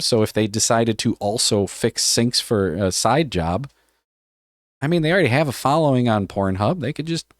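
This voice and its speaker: A man streams live, reading a policy aloud while joking casually with his chat and swearing often. His voice sits at medium pitch, and the sound is clean and studio-grade with no echo. He comes across offhand and jokey, cursing freely.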